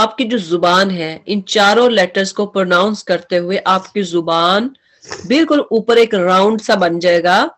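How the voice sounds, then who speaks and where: Slow-paced woman teaching recitation. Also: mid-range voice. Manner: slow, explains terms and drills letter sounds; mixes English phrases into explanations. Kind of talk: tajweed lesson.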